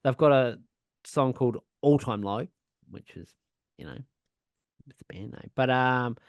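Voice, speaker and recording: A man's voice: medium pitch, unhurried, creaky, no echo. Aussie guy rambling about punk records, swears heaps, dry close sound. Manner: rambling, swears a lot, laughs often. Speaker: podcast co-host. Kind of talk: casual chat about punk music.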